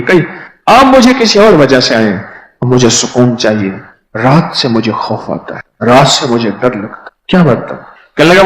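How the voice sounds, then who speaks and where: Guy preaching, swoops up and down a lot, acts out the quotes, big echoey hall. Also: fairly high pitch. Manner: animated storyteller who acts out quoted dialogue. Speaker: spiritual teacher giving a religious talk. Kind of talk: storytelling sermon. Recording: echoey hall with long reverb.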